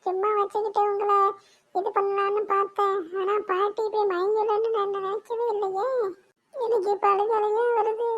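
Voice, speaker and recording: A woman voicing a mischievous young girl in a cartoon, shrill and excitable. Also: normal speed, lo-fi sound. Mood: tearful. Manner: shrill, squealing. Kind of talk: cartoon voice acting.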